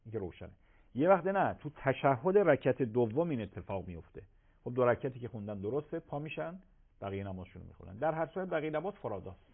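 A man, a religious scholar answering viewers' questions on a live call-in program, emphatic and swinging between loud and soft. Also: medium pitch, sing-song, gravelly, husky. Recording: tinny phone-like broadcast audio.

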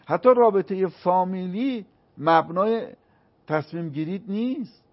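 Man, religious lecturer, preacherly, husky, dull recording. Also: high voice. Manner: preacherly, rising to emphatic declamation. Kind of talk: religious talk on a show. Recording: dull lo-fi sound.

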